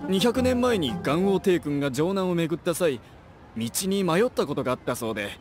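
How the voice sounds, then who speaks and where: A man's voice: a little high, darkish tone. A man voicing a humble, very polite shopkeeper in a game, speaking in formal shop courtesy. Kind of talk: Japanese game dub. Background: game music.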